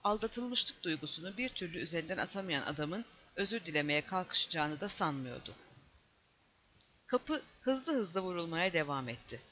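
A man with a high, bright voice reads a novel aloud as an audiobook. His narration is steady and measured, and he gives the dialogue only a light touch of character. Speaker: audiobook reader.

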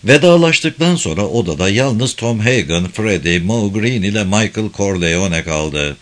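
Male narrator, low voice, steady audiobook reading, novel narration. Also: measured pace.

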